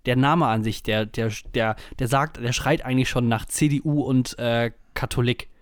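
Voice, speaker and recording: A man's voice: medium pitch, steady tone, moderate pace, smooth, no room sound, studio quality. Rambling German man in casual chat. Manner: rambling storyteller, many fillers and restarts. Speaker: podcast co-host.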